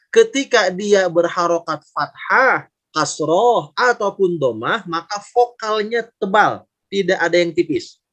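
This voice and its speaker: A man with a high voice teaching recitation over an online call. He is patient and methodical, stretching out each sound slowly and repeating it. His delivery is that of a careful teacher walking students through pronunciation. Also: a bit bright. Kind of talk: online tajweed lesson. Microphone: video call.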